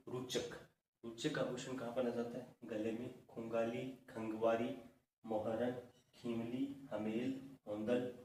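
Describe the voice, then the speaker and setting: A man teaches an exam-prep lesson, running through long lists and quizzing himself as he goes. His voice sits at an ordinary pitch. He is recorded from a distance in a very echoey room with a faint hiss underneath. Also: dark tone. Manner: drilling lists, asking and answering his own questions.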